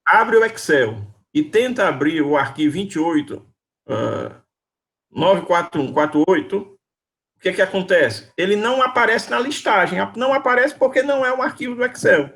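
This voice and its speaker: A male lecturer with a high, gravelly voice, teaching over a video call. He calls on students by name, repeats each question patiently and drills the material step by step. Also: lively intonation, normal speed, a bit bright. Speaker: university lecturer. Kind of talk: online class, quizzing students.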